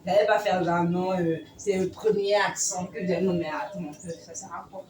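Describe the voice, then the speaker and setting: A woman's voice: lowish voice, fairly even intonation, normal speed, a little mellow. A young woman from Cameroon chatting to camera in a rambling, self-correcting way. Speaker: vlogger. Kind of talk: casual chat to camera. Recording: echoey room, far from mic, noisy.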